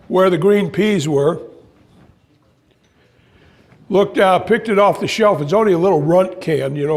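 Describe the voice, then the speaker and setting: An older man telling a spiritual story in an animated way, acting out voices and exclamations. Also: fairly high pitch. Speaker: spiritual speaker. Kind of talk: storytelling talk.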